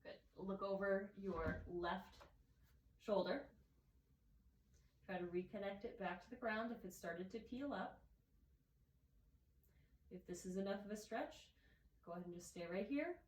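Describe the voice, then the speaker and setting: A woman with a nasal voice from allergies, calmly guiding a yoga class step by step. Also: medium pitch, a little slow, long pauses, reverberant, distant mic, a little hiss or hum, poor audio. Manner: calm, gentle step-by-step cueing. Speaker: yoga instructor. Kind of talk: guided yoga class instruction.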